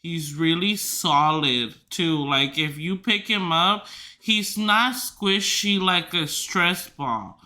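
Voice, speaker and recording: A woman's voice: lowish voice, slow, sharp tone. A young woman hosting a podcast in casual chat, rambling with lots of fillers and small laughs. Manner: rambling, filler-heavy, giggly asides. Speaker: podcast host.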